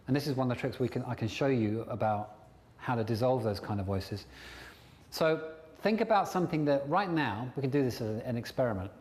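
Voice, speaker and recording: A man from England giving a lively self-development seminar, slipping into silly put-on voices to make his points. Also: medium pitch. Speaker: NLP trainer. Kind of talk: seminar talk to an audience. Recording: long hall reverb.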